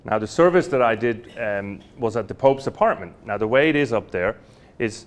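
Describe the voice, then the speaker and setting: Speaking expressively at a moderate pace, a low-voiced guest speaker tells stories in a university lecture hall. He is a Swiss man in his forties whose warm, anecdotal lecture is dotted with fillers and restarts.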